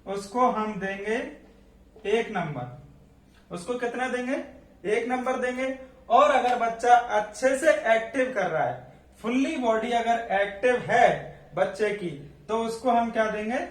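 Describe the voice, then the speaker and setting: A man with a very high-pitched voice lectures a nursing class at an unhurried pace, posing questions and answering them himself. The room is echoey and his voice comes from a distance.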